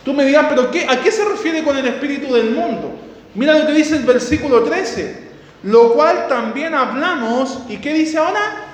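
A man's voice: very high voice, animated, normal speed. A man preaching a sermon, asking his listeners questions, answering them himself and reading scripture aloud with repeated key words. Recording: echoey hall with long reverb.

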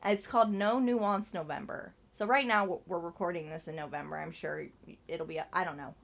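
A young woman co-hosting a podcast in casual chat, talking loudly and rambling, often laughing. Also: fairly low pitch, steady tone, moderate pace, creaky. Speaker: podcast co-host.

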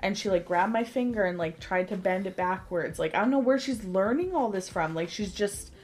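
A woman's voice: medium pitch, a little fast. A woman in her thirties casually telling a rambling story on a podcast, full of "like" fillers. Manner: rambling, lots of "like" fillers, animated retelling. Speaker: podcast co-host.

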